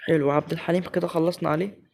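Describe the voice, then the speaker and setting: A man with an Egyptian Arabic accent giving excitable live commentary as he plays a game, talking straight to his viewers. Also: fairly high pitch, very fast, vocal fry. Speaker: gaming channel host.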